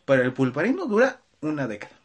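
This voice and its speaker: A man's voice: fairly high pitch, huge pitch swings, fast talker, breathy edge. A man with a Mexican accent co-hosting a casual comedy podcast, laughing often. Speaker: podcast co-host.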